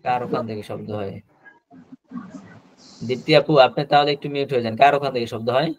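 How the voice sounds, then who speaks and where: A man teaching a spoken-English class over a video call, repeating each example slowly and drilling pronunciation. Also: medium pitch, slight background noise.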